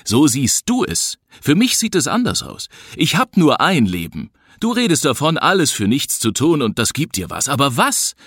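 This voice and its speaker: A man's voice: mid-range voice, huge pitch swings, moderate pace, hardly any pauses, a bit bright, husky, no echo, clean studio sound, voice pushed up, heavily acted. A man voicing a skeptical, agitated young townsman in a western audiobook, firing challenging questions.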